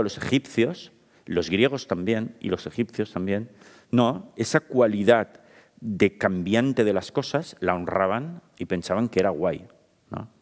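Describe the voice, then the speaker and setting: A man from Spain, a psychologist giving a lively, informal public talk with frequent questions to the audience. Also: on the low side. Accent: Spain Spanish. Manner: informal, chatty, addresses the audience directly with frequent tag questions. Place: municipal event hall. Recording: reverberant hall.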